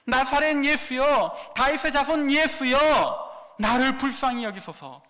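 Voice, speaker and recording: A man's voice: very high voice, animated, normal speed, pushed and bright, full character voice. A man voicing a desperate blind beggar who pleads and cries out for mercy in a raised, straining voice. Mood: crying out. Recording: long hall reverb.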